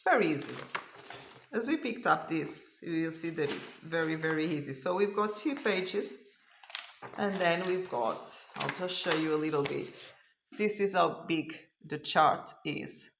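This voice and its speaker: In a noisy, roomy setting, the cross stitch host talks in a low, creaky but animated voice at a measured pace. Her first language is Portuguese, and she's tired after a long day, chatting casually and groping for words during her show-and-tell vlog.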